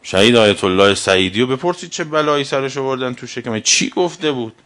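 Cleric guy lecturing, keeps asking rhetorical questions, loud then quiet. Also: mid-range voice. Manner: argumentative, asks rhetorical questions; swings between loud emphasis and quiet asides. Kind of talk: religious lecture.

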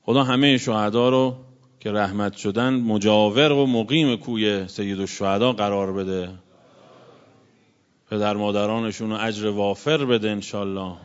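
A male cleric giving a sermon, telling religious stories and swinging between loud exclamations and hushed asides. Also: fairly low pitch, fairly even intonation, clean tone, dull audio. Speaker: cleric preacher.

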